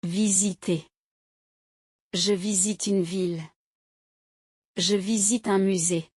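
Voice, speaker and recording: A woman slowly reading short example sentences aloud as a language teacher, each one clearly articulated in a steady drill. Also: medium pitch, dry recording, clean studio sound. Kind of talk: slow, carefully paced reading of example sentences.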